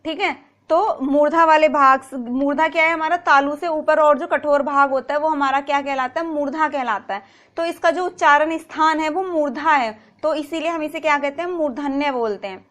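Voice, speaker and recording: A woman's voice: high voice, moderate pace, a bit bright. A woman teaching a grammar lesson, patiently repeating example words and asking rhetorical questions. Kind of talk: explanatory video lesson.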